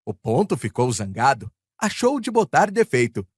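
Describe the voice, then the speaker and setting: A man reciting a rhyming poem in an expressive, lilting reading. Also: medium pitch, moderate pace, breathy edge, no room sound, studio quality. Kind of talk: poetry recitation.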